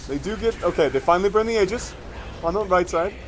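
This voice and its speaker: A man casting live esports play-by-play, calling a team fight in fast, rising bursts, tired and with his voice a bit worn late at night. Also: high-pitched, lively intonation, a little hiss or hum. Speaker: esports caster. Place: at home, streaming late at night.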